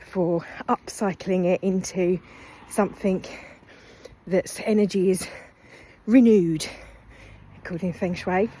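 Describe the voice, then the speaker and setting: Breathy middle-aged woman from the UK vlogging on a walk. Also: medium pitch. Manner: chatty, thinking aloud, drifting into soft half-whispers. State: slightly out of breath. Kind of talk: walking vlog chat. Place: outdoors, walking through town.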